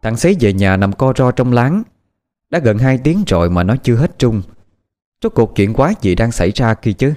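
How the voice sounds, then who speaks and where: A man narrating a horror story with expressive, dramatic pacing. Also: medium pitch, normal speed. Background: faint music.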